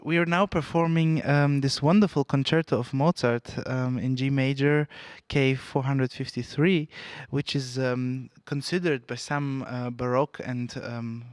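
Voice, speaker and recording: Halting, smooth-voiced male interviewer. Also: medium pitch, steady tone, no room sound. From Bulgaria. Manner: hesitant, many fillers and restarts. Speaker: interviewer for the orchestra. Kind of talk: conversational interview.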